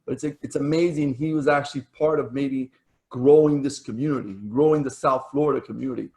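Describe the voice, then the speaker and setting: A man's voice: medium pitch, steady tone, a little fast, a little mellow. A man hosting an online community meetup over a video call, chatty and full of fillers, saying he is losing his voice. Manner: chatty, with fillers and self-corrections. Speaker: meetup host.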